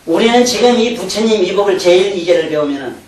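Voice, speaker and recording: A Buddhist teacher gives a colloquial, animated sermon, often acting out everyday talk and laughing. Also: mid-range voice, fast. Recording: roomy hall from a distant mic, faint hum.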